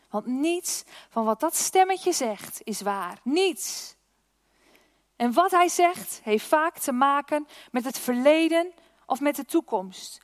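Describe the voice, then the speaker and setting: A woman giving a sermon, slow and emphatic on key words, who sometimes slips into a hushed, anxious inner voice. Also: high voice, no echo, studio quality. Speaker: preacher; church prayer and worship team member.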